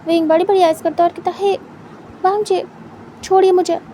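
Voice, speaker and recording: A woman reading fan fiction aloud as a storyteller, in an even, unhurried way. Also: high voice, a little hiss or hum.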